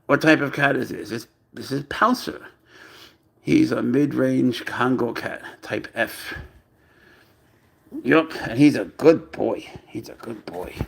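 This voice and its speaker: Guy doing a chill live stream, gravelly voice, baby-talks his cat, laughs a lot. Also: medium pitch, a little hiss or hum. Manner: doting, playful baby talk to his pet, laughs often. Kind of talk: casual live-stream chat.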